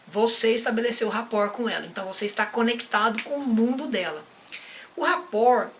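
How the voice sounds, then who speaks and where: His voice high, bright and forceful, a man with a Brazilian Portuguese accent gives a live-stream lesson as a behavior and emotional intelligence coach. He talks directly to the viewer, repeatedly checking in with "tá?", and there is slight background noise.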